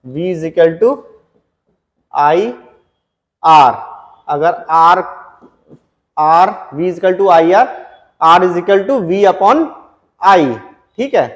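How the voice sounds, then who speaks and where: A man teaching an exam-prep science lecture, repeating key points and reading English definitions slowly, word by word. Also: sits high. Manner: repetitive, drilling, frequent "ठीक है" check-ins. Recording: long echo in a reverberant room.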